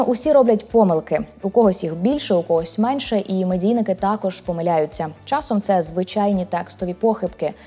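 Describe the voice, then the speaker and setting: Mellow-voiced woman narrating a language show. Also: mid-range voice. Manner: clear, deliberate delivery of word examples. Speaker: program host. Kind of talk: scripted narration.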